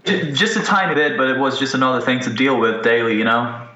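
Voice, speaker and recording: A man's voice: medium pitch, steady tone, a little fast, bright, forceful tone. A man in his twenties from Ukraine, a musician talking candidly and casually in an interview, swearing now and then. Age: 20s. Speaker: guest musician. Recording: dull, roomy recording.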